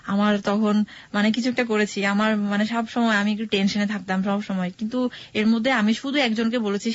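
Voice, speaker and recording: Woman rambling through a personal story. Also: medium pitch. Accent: Bangladeshi Bengali, Dhaka area. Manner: rambling, repeats phrases, acts out quoted dialogue. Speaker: caller telling her life story. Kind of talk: casual personal storytelling on radio. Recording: dull lo-fi radio broadcast audio.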